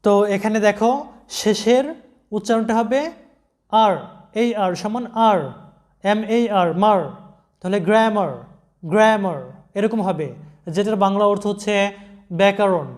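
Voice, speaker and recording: A man's voice: sits high, steady tone, normal speed, pauses often. A man teaching English pronunciation in an online lesson, patiently spelling out words letter by letter.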